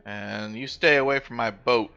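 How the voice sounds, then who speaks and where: A man's voice: mid-range voice, steady tone, normal speed, gravelly, bright, forceful tone. A man hosting a gaming video, teasing his brother with playful, sing-song commentary as they play. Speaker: gaming channel host. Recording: slightly dull audio with faint music.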